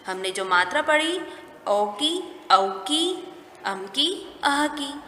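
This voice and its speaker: A woman with a high, bright voice teaches a recorded lesson to small children. She goes slowly, asks simple questions and answers them herself. Her voice rings in an echoey room with a long reverb. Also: a little hiss or hum. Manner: slow, explaining each step and asking questions. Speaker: primary school teacher.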